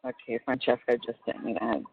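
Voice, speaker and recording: A woman's voice: very deep voice, steady tone, fairly quick, a loud crowd. A woman chatting casually and colloquially on a phone call, rambling as she goes. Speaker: caller on a prison phone call. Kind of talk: casual personal phone chat. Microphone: telephone. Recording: tinny narrow-band phone line.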